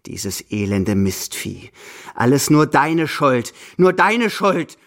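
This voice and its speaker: A man's voice: fairly high pitch, very animated, measured pace, pitched above the performer's own voice. A man voicing an imperious, impatient old grandmother at the roulette table, scolding and hissing orders. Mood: furious.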